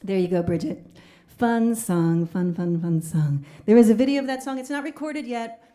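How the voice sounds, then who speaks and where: A woman's voice: mid-range voice, expressive, moderate pace, dark tone. A woman singer-songwriter chatting playfully between songs at her live-streamed concert, reading viewer comments aloud. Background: guitar playing.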